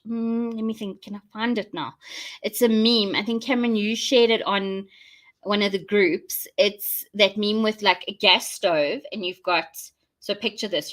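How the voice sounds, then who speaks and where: A woman's voice: medium pitch, bright, forceful tone. A South African woman hosting a casual live chat for her viewers, rambling and thinking aloud as she goes. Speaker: host of a live online show.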